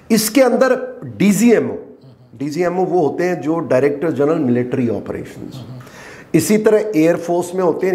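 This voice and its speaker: A middle-aged man, a retired army colonel, explaining forcefully in an interview and firing off rhetorical questions. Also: on the high side. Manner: emphatic, rhetorical questions, gets heated.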